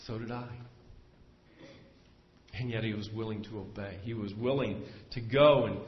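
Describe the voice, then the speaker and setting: A man preaching a sermon from the pulpit, earnest and steady, his voice swelling and slowing whenever he drives a point home. His voice rings through a large, echoey church sanctuary. The recording sounds dull and lo-fi. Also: on the low side, a little hiss or hum. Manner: earnest preaching, swells louder and slows for emphasis. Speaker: pastor.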